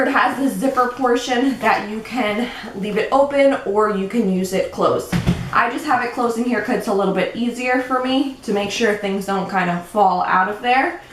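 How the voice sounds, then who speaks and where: A young woman vlogging at home, chatty and a little out of breath as she explains things step by step. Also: medium pitch. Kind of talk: casual show-and-tell vlog. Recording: echoey room with faint background noise.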